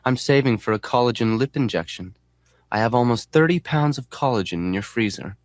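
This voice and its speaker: A man voicing a brash, sulky young woman in an audiobook reading, shouting and petulant. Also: mid-range voice, animated, a little fast, no echo, pitched above the performer's own voice, lightly acted. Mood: explaining.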